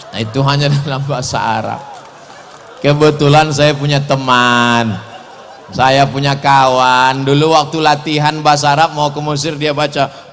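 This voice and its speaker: A man giving a lively religious lecture, joking and acting out the voices he quotes. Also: fairly high pitch, a little hiss or hum. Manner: animated, jokey, acts out quoted voices. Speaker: preacher. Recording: echoey hall.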